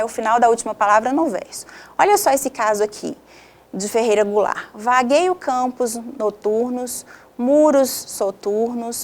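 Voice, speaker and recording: Patient Brazilian woman teaching a lesson. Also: fairly high pitch. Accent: Brazilian Portuguese. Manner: patient step-by-step explaining, checks in with "ok?". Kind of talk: online video lesson.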